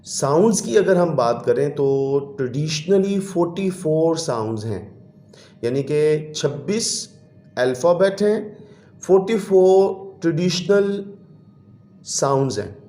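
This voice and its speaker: Slow, patient male teacher. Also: fairly high pitch, animated, dark tone, reverberant. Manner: explains patiently, repeating terms and slowly reading English examples aloud. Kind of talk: classroom lecture.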